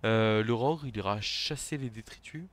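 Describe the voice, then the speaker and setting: A man commentating his own board game match live, talking tactics under his breath and shouting when a play succeeds or fails. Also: on the low side, moderate pace, a little hiss or hum. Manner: excitable, shouts on big plays, then murmurs tactics. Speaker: gaming commentator.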